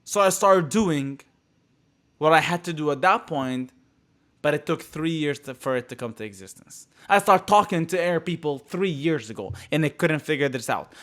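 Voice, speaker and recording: A young man from the Middle East giving a passionate live motivational talk to his audience, repeating phrases and swinging from loud bursts to hushed, quiet lines. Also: a little high. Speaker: motivational speaker.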